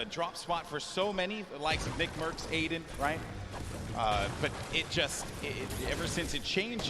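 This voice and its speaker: A man commentating live on a competitive online game, mixing chatty analysis with excited calls. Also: a little high, noisy background. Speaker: esports caster.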